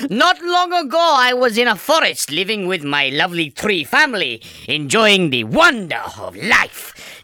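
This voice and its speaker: A man's voice: high voice, bright, forceful tone, clear, resonant tone, no room sound, heavily acted. A man voicing a sarcastic talking Christmas tree. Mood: mournful. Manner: mock-cheerful, darkly sarcastic. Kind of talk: comedy radio sketch.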